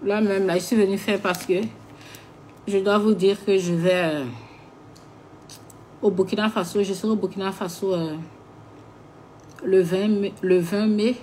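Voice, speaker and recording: A woman's voice: medium pitch, fairly even intonation, measured pace, pauses often, darkish tone, slight background noise. A woman hosting a late-night live stream, agitated and complaining as she talks to her viewers. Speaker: livestream host.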